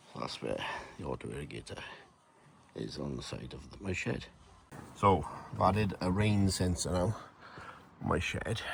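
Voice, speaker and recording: This low-voiced man, with a creaky fry, walks through his homemade gadget in a relaxed, practical way, keeping his phrases brief and plain. He's a hobbyist working in a shed and garden, partly outside, with slight background noise.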